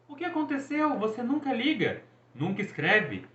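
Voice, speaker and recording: A man's voice: big pitch swings, moderate pace, sharp tone, heavily acted. A man voicing a cocky, boastful young male sun god in a showy, teasing manner. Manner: showy, teasing, high-spirited. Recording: echoey, dull room recording.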